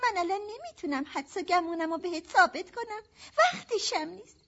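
A very high, trembling voice of a nervous amateur sleuth pleading with her sister. The dub track sounds dull and lo-fi. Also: animated, sharp tone, heavily acted. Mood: earnest. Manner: pleading, tremulous. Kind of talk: dubbed film acting.

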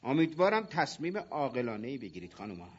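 A husky taunting gangster. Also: male voice, medium pitch, very animated. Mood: menacing. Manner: taunting, bossy. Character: threatening, mocking male gangster buyer. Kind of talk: dubbed film acting. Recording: dull lo-fi dub track.

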